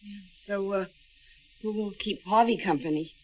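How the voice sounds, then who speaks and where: A woman's voice: mid-range voice, normal speed, darkish tone, a little hiss or hum, lightly acted, rough recording. An actress playing an older woman, the fussy and doting mother of a witness, in a 1980s TV drama. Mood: fond. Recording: TV soundtrack with faint music.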